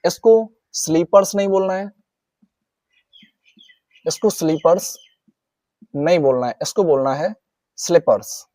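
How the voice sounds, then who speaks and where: A man teaching an English speaking lesson, who repeats practice phrases slowly and talks to his viewers as guys. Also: a little high, animated, warm tone, no echo. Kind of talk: spoken lesson.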